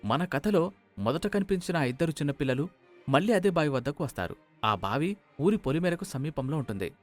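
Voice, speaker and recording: A man narrating a scripted cartoon moral story in a steady, even manner. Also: a little high, brisk, soft background music.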